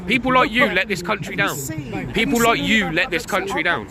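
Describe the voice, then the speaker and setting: A man's voice: sits high, fairly quick. A man filming himself at an outdoor street protest, arguing heatedly and repeating his points. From Britain. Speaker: street audit vlogger. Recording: loud protest crowd outdoors.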